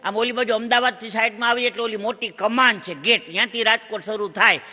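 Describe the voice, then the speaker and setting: A high, very bright, forceful male voice with a lilt, telling a string of comic stories to a live crowd. He is a punchy joke-teller who slips into bits of dialogue as he goes. His voice rings out with the long reverb of a large hall. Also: steady tone, fast. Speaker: stand-up comedian. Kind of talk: Gujarati comic storytelling on stage. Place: stage before a live audience in a large hall.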